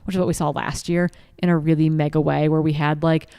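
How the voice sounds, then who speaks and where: A woman with a low, resonant voice talks through her points in a quick, eager, casual way. The sound is close and dry, with no room around it. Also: vocal fry, smooth, dry recording. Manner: quick, animated and enthusiastic, piling on "like". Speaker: podcast co-host and race commentator. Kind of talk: casual chat.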